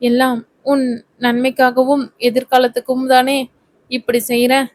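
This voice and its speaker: A woman's voice: high-pitched, monotone, measured pace, no room sound. A woman voicing a scheming middle-aged mother who guilt-trips her actress daughter. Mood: reproachful. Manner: guilt-tripping, self-pitying.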